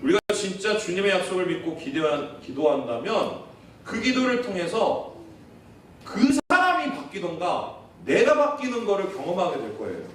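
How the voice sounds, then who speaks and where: A man's voice: high-pitched, big pitch swings, moderate pace, fairly bright tone, a little hiss or hum. A man preaching a sermon as pastor, earnest, often turning to the congregation with questions and acting out quoted prayers. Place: church sanctuary. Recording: echoey church hall, far from the mic.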